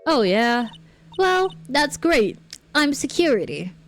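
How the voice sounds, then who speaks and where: A woman's voice: high voice, sing-song, takes it slowly, no room sound, soft background music, voice pushed up, full character voice. A woman voicing a bossy, gossipy old female security guard who scolds and barks orders. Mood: scolding. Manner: brash, scolding, barking orders.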